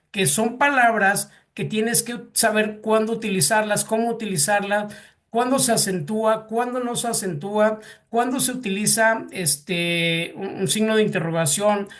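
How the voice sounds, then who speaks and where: A man's voice: sits high, fairly bright tone. A man with a Mexican Spanish accent teaching a class, hesitant, with many fillers and repeated words, asking the students questions. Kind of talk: classroom lecture.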